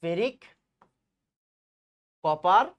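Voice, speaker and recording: A man's voice: high voice, expressive, very slow, dull audio. A man teaching a chemistry exam-prep lecture, drilling terms by repetition and answering his own questions.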